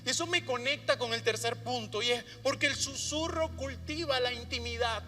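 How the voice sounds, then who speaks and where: A man preaching a sermon as pastor, often dropping to a soft hushed voice to stress a point. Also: very high voice, moderate pace, faint music behind. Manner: drops to a soft hushed voice for emphasis. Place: church sanctuary. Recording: long hall reverb.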